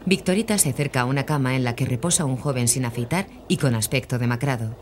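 A narrator reading scripted audio description for a film in an even, measured way. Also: medium pitch, noisy background.

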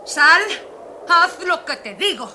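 A woman's voice: sits high, lively intonation, normal speed, slight background noise, heavily acted. A voice actress playing a fed-up café owner who scolds her husband in a dubbed film. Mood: furious. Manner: shouting, scolding, bossy. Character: fed-up, furious woman running a roadside café.

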